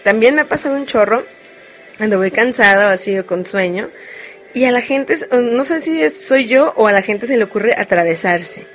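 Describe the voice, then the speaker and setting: A female streamer with a Mexican accent chats casually and frankly with live viewers, joking as she rambles through her confessions. Her slightly high voice has lively intonation and a moderate pace.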